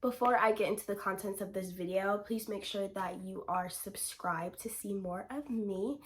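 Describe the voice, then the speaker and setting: A woman's voice: mid-range voice, normal speed, slight background noise. A woman hosting her own commentary vlog, blunt and opinionated with casual swearing, sounding sick and short of breath from breathing through her mouth. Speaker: channel host.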